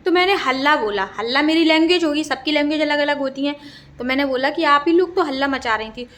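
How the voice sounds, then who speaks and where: A woman's voice: high-pitched, fast, a bit bright. A young woman vlogger chatting casually, getting agitated as she tells a story. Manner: chatty, grows agitated when recounting the dispute.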